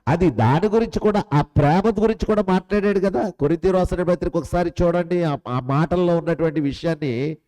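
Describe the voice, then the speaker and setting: A man preaching a sermon as pastor. He asks many rhetorical questions and swings between loud, high lines and soft, low ones. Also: fairly quick, poor audio.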